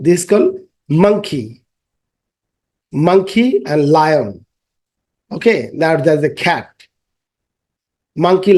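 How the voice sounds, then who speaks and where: A man teaching children an English lesson. He chants rhymes and sounds slowly, stretches each word and explains patiently. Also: a little high, a little mellow. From Bangladesh. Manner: explains patiently, mixing English into his speech.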